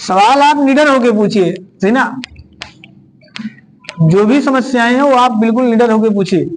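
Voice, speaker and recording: High voiced guy teaching in a classroom, loud and repetitive. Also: moderate pace, slight background noise, rough recording. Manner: loud, repetitive, keeps asking "right?". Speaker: reasoning teacher. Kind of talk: classroom lecture.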